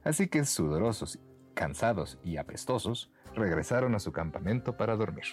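A man narrating a bedtime story for children in a gentle, expressive way. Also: lowish voice, moderate pace, soft background music.

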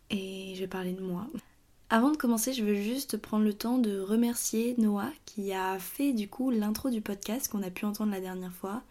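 A young woman hosting her own podcast, talking through her thoughts in a tired, halting way with many fillers and restarts. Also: mid-range voice, warm tone. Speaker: podcast host. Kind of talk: casual personal monologue.

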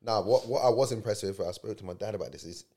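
A man's voice: fairly low pitch, fast talker, vocal fry, mellow, breathy edge. A man in his thirties with an urban London roadman accent, chatting casually in heavy slang as an interview guest. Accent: London, urban street. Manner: slangy, peppered with check-in tags. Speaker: guest, professional footballer. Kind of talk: casual chat.

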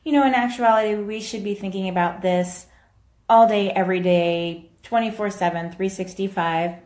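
A woman's voice: mid-range voice, steady tone, normal speed, darkish tone. Chatty woman in an echoey room. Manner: chatty, reacts to viewer comments as she goes. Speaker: podcast host and mom coach. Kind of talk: casual live-video talk to viewers.

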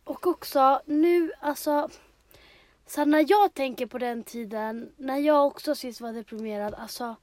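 High-voiced hesitant young woman. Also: dry recording. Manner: hesitant, soft-spoken, lots of fillers. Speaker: podcast co-host. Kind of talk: personal casual chat.

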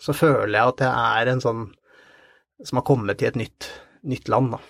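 A man telling a story in an interview, halting and repeating words with many fillers. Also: medium pitch, steady tone, gravelly, fairly bright tone, no echo, clean studio sound. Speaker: interview guest. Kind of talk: conversational storytelling.

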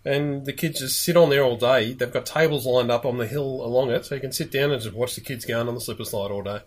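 A man co-hosting a podcast in casual chat, enthusiastic and quick to laugh. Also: medium pitch. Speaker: podcast co-host.

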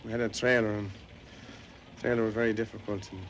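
Male driver, low monotone, noisy roadside tape. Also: quick pace. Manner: terse, flat replies. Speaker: lorry driver. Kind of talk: casual interview. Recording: noisy outdoor recording.

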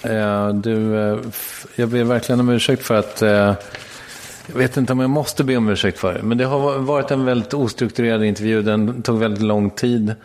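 Easygoing, hesitant podcast host. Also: male voice, lowish voice, steady tone, darkish tone, a little hiss or hum. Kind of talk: casual podcast interview.

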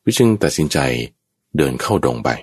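A man's voice: moderate pace, dry recording. A man telling an old folk tale with animation, often speaking straight to his listeners. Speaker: storyteller.

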